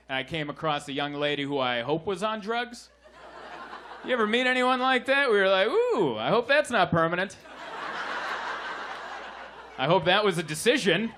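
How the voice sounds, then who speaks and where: A man doing a stand-up set with deadpan, self-mocking storytelling in a crowded basement comedy room, with audience laughter behind him. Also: on the high side. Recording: live club recording with crowd noise.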